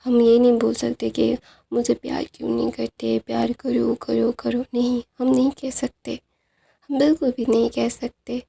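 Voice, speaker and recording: Brief: gentle, reassuring young man, read by a woman narrator, husky and dark, storybook retelling. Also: a little high, little pitch movement, normal speed, exaggerated voice. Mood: pleading. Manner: soft, reassuring, earnest. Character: tender young man comforting his lover.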